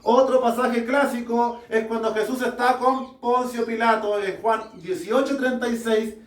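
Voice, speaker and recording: A man preaching a sermon to a small congregation, slow and deliberate, putting rhetorical questions to his listeners. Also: very high-pitched, steady tone. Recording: echoey room, mic far off.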